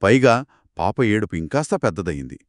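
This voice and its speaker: A man narrating a children's folk tale as a back-and-forth conversation, telling it with expressive, dramatic delivery. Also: on the low side, normal speed, dry recording, studio quality. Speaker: storyteller. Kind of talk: children's story told as a two-voice conversation.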